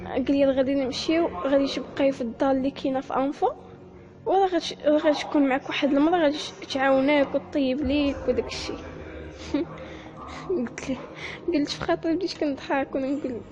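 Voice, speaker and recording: A young woman with a Moroccan accent telling her own sad life story, halting and often near tears. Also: sits high, lo-fi sound. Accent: Moroccan Arabic. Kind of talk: personal story told to listeners.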